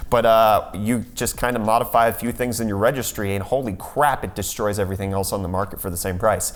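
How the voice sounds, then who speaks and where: A man's voice: fairly low pitch, steady tone, quick pace. A man hosting a casual tech news rundown, sarcastic and full of jokey segues.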